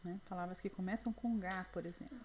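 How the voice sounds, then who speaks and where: A woman teaching a screen-recorded software tutorial in a chatty way, full of diminutives and check-ins with the viewer. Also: lowish voice, steady tone, quick pace, slight background noise, poor audio.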